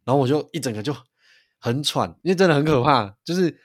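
A man, co-hosting a podcast and telling a story in an animated way, with frequent restarts. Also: fairly high pitch, quick pace, dry recording, studio quality. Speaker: podcast co-host. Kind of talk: casual chat.

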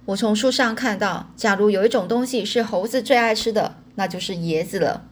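Storybook grandpa, old man, gruff and blustery, voiced by a woman reader. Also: medium pitch, a little fast, lightly acted. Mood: plain. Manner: blustery, brusque.

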